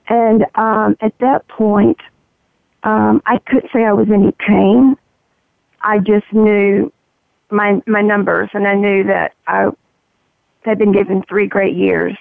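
Woman w a super gravelly croaky froggy voice, telling her story in an interview, sounds like a tinny phone call. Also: mid-range voice, no room sound. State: voice roughened by morphine. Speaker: interview guest. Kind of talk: personal account in an interview.

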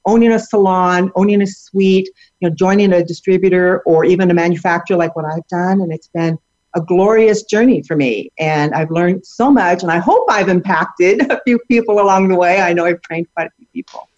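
A woman's voice: on the low side, fairly quick, darkish tone. A middle-aged woman answering as an interview guest, upbeat and laughing lightly as she talks. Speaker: guest, hair educator. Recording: dull lo-fi audio.

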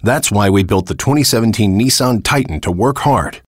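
A man narrating a scripted truck commercial as an announcer, with an emphatic, tough-guy sales pitch. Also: lively intonation, a little fast, slightly rough, dry recording, studio quality.

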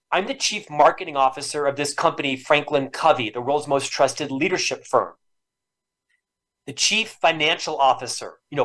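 This podcast guest, a man in his fifties from Florida who has always stuttered, speaks with a fairly bright, somewhat high voice. His reflective storytelling interview is full of earnest, emotional personal stories.

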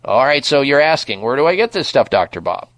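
A man hosting a radio call-in health show, reading ads and giving advice in an animated, salesy way. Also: medium pitch, fairly quick, no echo. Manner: lively, salesy, advising.

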